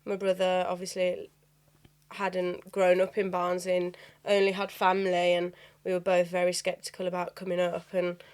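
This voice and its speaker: A woman's voice: lowish voice, monotone, moderate pace, darkish tone, clear, resonant tone. A young woman with a Birmingham accent chatting as an interview guest, rambling through stories with lots of "sort of" and "like". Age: young adult. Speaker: bar owner, interview guest. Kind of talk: storytelling interview chat.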